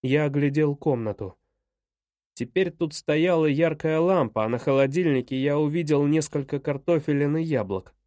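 A man narrating a first-person audiobook in a measured, even way. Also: on the high side, no room sound, clean studio sound.

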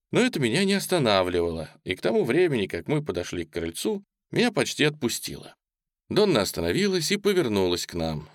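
Man, audiobook narrator, low voice, lively intonation, dry close recording. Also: dry recording. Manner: expressive, storytelling. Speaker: audiobook reader.

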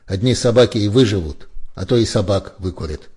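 Man doing a gruff middle-aged boss, slangy, husky, loud. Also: on the low side, brisk, pitched above the performer's own voice. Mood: lecturing.

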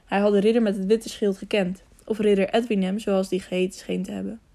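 A woman narrating a children's adventure audiobook in a calm, even way, with the odd slip. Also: medium pitch, fairly quick, vocal fry. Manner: calm, even storytelling with small slips.

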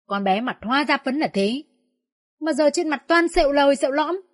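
A woman playing an enraged older village woman, shrill, cursing, yelling, storybook reading. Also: animated, normal speed, slightly rough, no room sound, clean studio sound. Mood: shrill wailing. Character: furious older village woman, loud and abusive.

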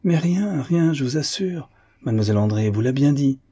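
A man's voice: mid-range voice, lively intonation, normal speed, mellow, slightly rough, pitched above the performer's own voice. A man voicing a young man who speaks coolly and bluntly in a storybook reading. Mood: firm. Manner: cool, firm, blunt. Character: calm, blunt young man, frank friend.

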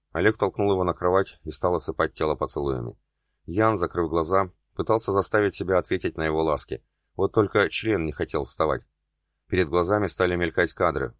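A man reading an erotic novel aloud as an audiobook narrator, in a steady, even way. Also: sits low, no room sound, studio quality.

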